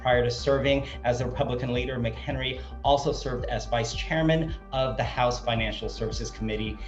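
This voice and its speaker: A man's voice: medium pitch, fairly even intonation, normal speed. Courteous male interview host, roomy sound. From born in Vietnam, raised in Southern California. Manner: polished, courteous introductions. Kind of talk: formal online interview. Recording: roomy, dull sound with faint music.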